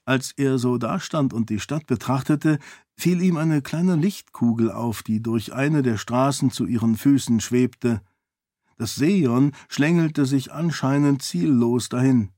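A man narrates a novel in a measured, even reading voice of middle pitch. He is recorded close on a studio mic in a dead, dry room with no reverb. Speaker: audiobook narrator. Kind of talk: scripted narration.

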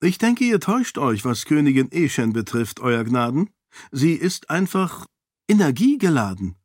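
A man's voice: fairly high pitch, sing-song, normal speed, darkish tone, no echo, clean studio sound. A man voicing a bold young princess who talks in a pointed, self-assured way. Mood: polite. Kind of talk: audiobook character voice.

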